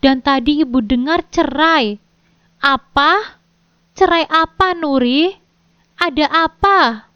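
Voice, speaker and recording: A woman voicing a worried older mother who sounds hoarse and anxious. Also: high-pitched, slow pace, pauses often, dry recording. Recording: dull dry lo-fi recording.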